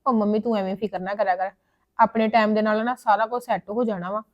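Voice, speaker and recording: A woman's voice: medium pitch, steady tone, fast, lo-fi sound, natural voice. A young woman playing a jealous younger sister who argues and complains to her mother. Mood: complaining. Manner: whiny, argumentative. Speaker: younger daughter.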